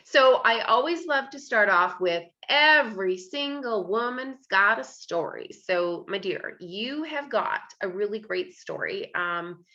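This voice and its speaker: Bright-voiced woman podcast host. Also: mid-range voice, lively intonation, measured pace, hardly any pauses, muffled recording. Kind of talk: interview podcast.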